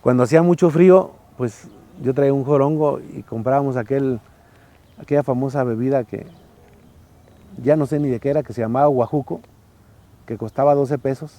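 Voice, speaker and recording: Gravelly Mexican man in his sixties. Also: mid-range voice, fairly even intonation, moderate pace, dark tone. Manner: colloquial, anecdotal, frequent fillers and tag questions. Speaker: interviewee, architect and former faculty director. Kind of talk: casual interview storytelling.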